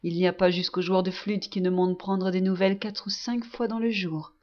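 A woman narrating a classic novel as an audiobook, with a measured and expressive reading. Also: lowish voice, highs cut off. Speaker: audiobook reader. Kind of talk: literary narration.

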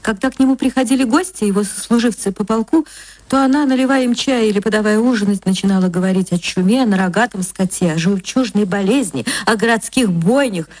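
In a dry recording, an actress with a mid-range voice reads a short story for radio, her literary narration dramatic and expressive, with words drawn out.

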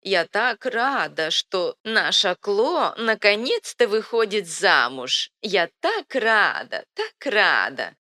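A creaky, shrieking ancient witch-queen. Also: mid-range voice, very animated, takes it slowly, hardly any pauses, sharp tone, voice pushed up, exaggerated voice. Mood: babbling. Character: senile ancient female queen-witch, shrill and cackling. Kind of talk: audiobook reading.

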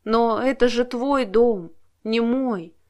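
A woman voicing a gentle, apologetic young man who talks slowly and quietly. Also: on the high side. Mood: soothing apologetic. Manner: slow, soft, quiet.

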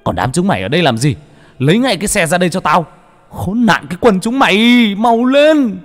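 A man voicing a furious middle-aged father who shouts and barks orders in a story read aloud. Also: high-pitched, sing-song, a little fast, long reverb tail, faint music behind, voice pushed up.

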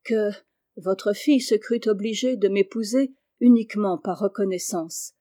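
A woman's voice: medium pitch, a little slow, warm tone, dry recording, clean studio sound, natural voice. A woman reading aloud speaks as a modest, reserved young shepherd.

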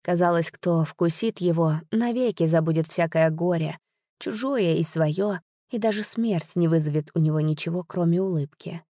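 A woman narrating a story audiobook in an expressive storytelling manner. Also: fairly low pitch, normal speed, dry recording, clean studio sound.

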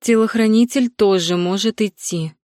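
A woman voicing a haughty, scheming aging stepmother who sneers and turns shrill. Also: measured pace, darkish tone, dry recording, studio quality, natural voice. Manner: sneering, shrill when upset. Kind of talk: audiobook character voicing.

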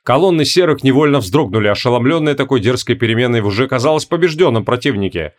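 A man reads a fantasy audiobook aloud. His pitch sits in an ordinary middle range. His reading is steady and measured. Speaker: audiobook narrator. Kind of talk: audiobook narration.

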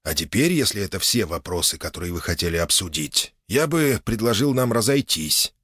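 A man's voice: fairly low pitch, big pitch swings, normal speed, a bit bright, dry recording, clean studio sound, pitched above the performer's own voice. A man voicing a grumpy, formal old nobleman in his eighties in an audiobook. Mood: curt displeasure. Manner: stiff, displeased, formal.

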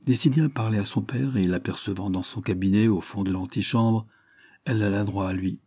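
Male audiobook narrator, measured reading, mellow and close. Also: fairly low pitch, steady tone, no echo. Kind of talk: scripted narration.

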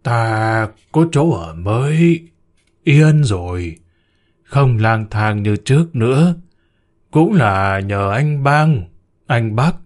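A man voicing a stern male ancestral spirit who speaks through a medium, slow, solemn and commanding. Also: mid-range voice, lively intonation.

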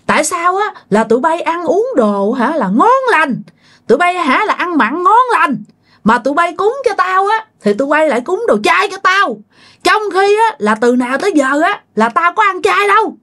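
A woman's voice: very high-pitched, very animated, normal speed, fairly bright tone, voice pushed up, exaggerated voice. A woman voicing the angry ghost of a dead husband speaking through a possessed neighbor, scolding. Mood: furious. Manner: scolding, ranting, demanding.

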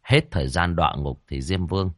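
A man voicing a brash young ghost-hunter who scolds a ghost in a rough, plain-spoken way. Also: deep voice, fairly quick, no echo, clean studio sound. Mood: gruff. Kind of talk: storytelling.

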